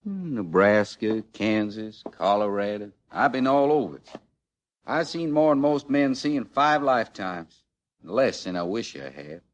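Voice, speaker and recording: In a mid-century American radio western, a condemned thirty-six-year-old frontier outlaw speaks low with a rustic Western drawl, rueful and matter-of-fact. His delivery is halting, folksy, animated and full of plain regret. The dry, unechoing recording has its highs cut off.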